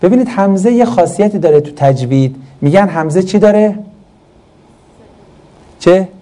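Animated male teacher quizzing a class. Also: high-pitched. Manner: animated, asks the class questions and answers them himself. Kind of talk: classroom lesson on Quranic Arabic grammar.

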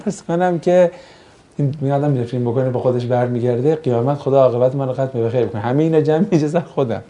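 Joking male teacher with a mellow voice. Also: mid-range voice. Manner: jokey, asks the class questions and banters. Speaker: religious studies teacher. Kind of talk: classroom lecture with questions to students. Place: classroom.

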